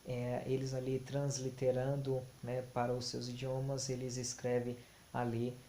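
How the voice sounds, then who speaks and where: A man teaching about Hebrew grammar, speaking haltingly with many fillers and restarts. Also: medium pitch. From Brazil. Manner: slow, deliberate, flat delivery. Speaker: Bible teacher. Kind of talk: explanatory talk on Hebrew grammar. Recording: echoey room with faint hiss.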